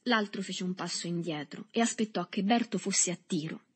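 A woman narrating a novel with a steady literary reading. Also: lowish voice, moderate pace, slightly rough.

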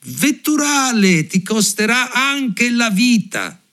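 A man voicing a cruel, mocking male sparrow in a storybook reading, high and taunting. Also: sing-song, takes it slowly, sharp tone, exaggerated voice. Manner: shrill, taunting.

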